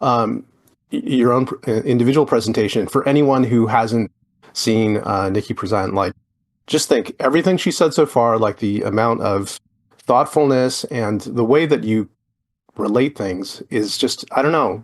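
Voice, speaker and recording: A man hosting a podcast interview, rambling and friendly as he asks his questions. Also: medium pitch. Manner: rambling, many fillers and restarts, friendly. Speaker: podcast host. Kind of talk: casual interview chat.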